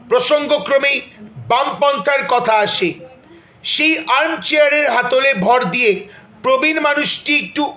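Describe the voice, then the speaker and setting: A man with a very high, bright and sharp voice narrates a literary reminiscence in a measured, bookish way. He turns now and then to speak straight to the listener. The sound bounces around an echoey room.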